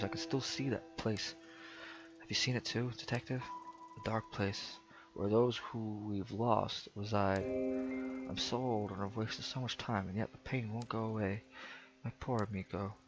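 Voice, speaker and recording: A man voicing an old, bitter and secretive grandmother in a video game, speaking low and slow. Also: steady tone, lightly acted. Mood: mournful. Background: game music.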